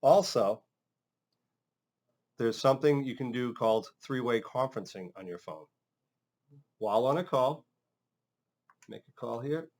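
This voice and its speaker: A man's voice: medium pitch, a little slow, pauses often, a little mellow. A man working as a trainer, narrating an instructional demonstration in a casual, step-by-step way. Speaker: phone system trainer.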